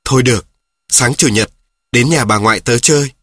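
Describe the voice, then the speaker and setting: A man voicing a calm, quiet schoolboy who answers patiently. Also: mid-range voice, normal speed, breathy edge, no echo, studio quality. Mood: calm, reasoning.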